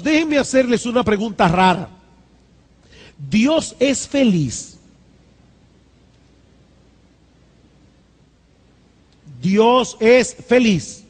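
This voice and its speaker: A man's voice: high-pitched, slightly rough. A man preaching a sermon as pastor, emphatic, repeating key lines and building to fervent exhortations. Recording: church hall with long reverb.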